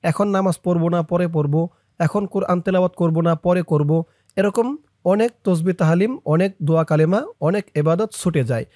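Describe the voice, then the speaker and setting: High-pitched guy teaching a prayer syllable by syllable, slow and patient, dry close sound. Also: mellow, no room sound. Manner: patient, repeats each syllable for viewers to follow. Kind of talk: spelling-out lesson of a prayer.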